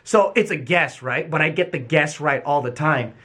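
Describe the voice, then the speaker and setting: A man's voice: on the high side, moderate pace. A young man telling stories from his childhood in a casual, candid monologue, swearing freely and acting out the people he quotes. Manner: candid and profane, animated retelling.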